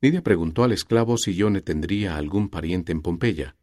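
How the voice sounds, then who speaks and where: A man narrating a historical novel as an audiobook, in measured storytelling. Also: sits low, darkish tone, dry recording, studio quality. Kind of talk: scripted narration.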